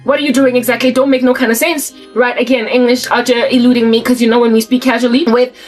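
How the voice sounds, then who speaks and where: A South African woman in her forties rants casually to camera, emphatic and colloquial, repeating and restarting words. Her voice is fairly high and a little mellow with little pitch movement, she talks quickly, and soft music plays in the background.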